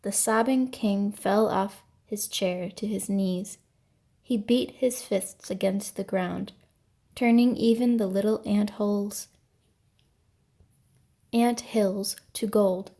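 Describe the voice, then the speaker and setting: A woman reads an ancient myth as a storyteller. Her pace is very unhurried and her telling is grave and dramatic, with a mid-range pitch. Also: steady tone, mellow. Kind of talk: scripted narration of an ancient myth.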